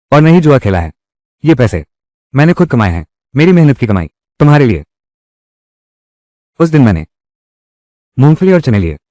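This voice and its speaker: A man's voice: medium pitch, mellow, no echo, studio quality, close to an everyday voice. A man dubbing an earnest young husband, a reformed gambler who protects his wife. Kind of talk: Hindi dub of a drama.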